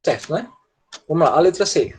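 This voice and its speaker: A man's voice: a little high, lively intonation, fairly quick, a little mellow, slight background noise, poor audio. A man with a Brazilian Portuguese accent, teaching an English grammar class and patiently asking "tá?" and "né?" to check his students follow. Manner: patient, repeats "tá?" and "né?" to check understanding.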